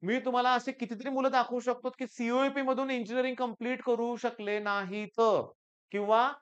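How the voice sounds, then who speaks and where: A man from the Sangli region, an engineering maths teacher giving students an earnest, animated motivational talk. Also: very high-pitched, moderate pace, smooth, highs cut off. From Sangli region, Maharashtra.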